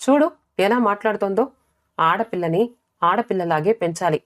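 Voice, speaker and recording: A woman voicing a worried middle-aged mother who scolds her daughters, shrill when angry. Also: expressive, normal speed, lightly acted. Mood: scolding.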